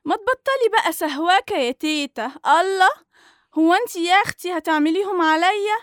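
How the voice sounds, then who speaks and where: A brash young Egyptian woman in a radio serial. Her voice sits high and dry, full of streetwise cheek. She teases mercilessly and mockingly. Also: lively intonation, fairly quick, a bit bright, dry recording. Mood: brash teasing. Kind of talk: Egyptian radio comedy drama acting.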